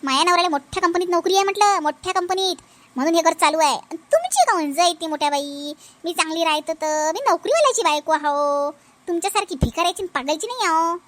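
A woman's voice: very high voice, animated, fast talker, fairly bright tone. Woman doing a taunting, boastful young sister-in-law.

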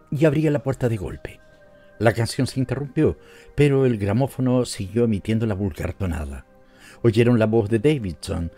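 A man with a Latin American Spanish accent narrates a story in a low, warm voice. His delivery is measured and even. Soft music plays faintly beneath the narration. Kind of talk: scripted audiobook narration.

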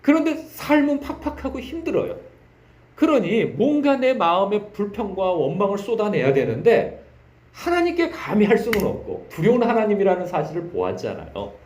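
A man's voice: high-pitched, sing-song, normal speed, a little mellow, echoey room. A man preaching an early-morning sermon as pastor, speaking emphatically with rhetorical questions and dramatic quoted laments.

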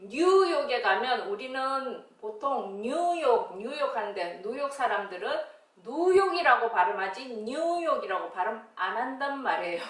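Woman phonics teacher, slightly high voice, sounds words out syllable by syllable; roomy echo, a bit off-mic. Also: fairly bright tone, recorded from a distance. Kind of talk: slow instructional phonics lesson. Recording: very echoey room, voice a bit off-mic.

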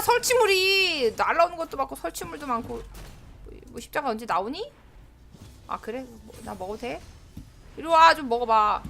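A woman streamer with a high, bright voice that leaps up and down as she comments on her game, chatting to herself and her teammates and often breaking into exclamations. A faint noise sits under her voice. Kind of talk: live gameplay commentary.

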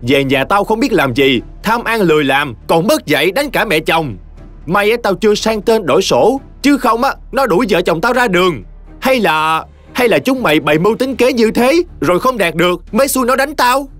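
A man's voice: sits high, animated, normal speed, a bit bright, soft background music, voice pushed up. A man voicing a spiteful middle-aged mother-in-law who screeches insults in a storybook reading. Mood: screeching abuse.

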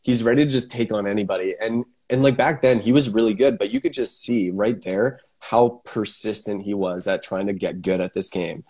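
A man's voice: lowish voice, moderate pace, hardly any pauses, darkish tone. Laid-back male interview host. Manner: laid-back, filler-heavy, enthusiastic. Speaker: podcast host. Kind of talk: casual live interview.

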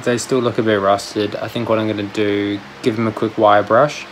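A man's voice: fairly low pitch, flat delivery, normal speed, a little hiss or hum. A young man casually narrating a DIY skateboard project, thinking aloud with fillers as he works at home on a phone camera. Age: young adult. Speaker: DIY vlogger. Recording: music playing under the voice. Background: background music.

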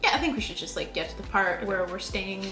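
A woman's voice: medium pitch, lively intonation, quick pace, fairly bright tone, soft background music. A woman co-hosting a casual home video with playful, wry joking. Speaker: co-host. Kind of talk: casual chat. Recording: echoey room.

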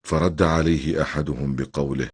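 Older man with a very deep storytelling voice. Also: steady tone, darkish tone, husky. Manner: measured, solemn retelling. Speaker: storyteller grandfather. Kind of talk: scripted story narration.

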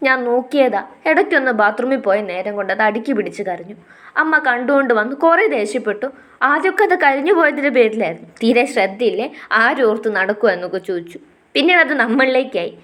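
Woman as a young wife, pleading and emotional, slightly high, audio story. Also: fairly bright tone. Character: shy young wife, hurt and tearful.

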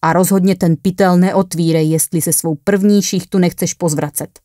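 A woman voicing a gruff but friendlier male ambulance driver who speaks in a matter-of-fact way. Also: on the low side, steady tone, mellow, no echo, clean studio sound, lightly acted.

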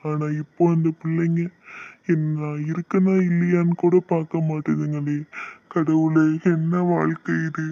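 A man's voice: on the high side, level tone, measured pace, creaky, dark tone. A sorrowful lonely old grandfather. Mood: grieving. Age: older. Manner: sorrowful, pleading. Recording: dull lo-fi, dry.

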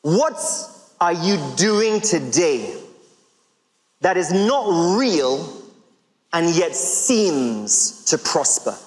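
A man in his thirties preaching a sermon to a large congregation, emphatic and full of rhetorical questions with drawn-out pauses. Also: on the high side, big pitch swings. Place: large church hall with congregation. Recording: long reverb of a big hall.

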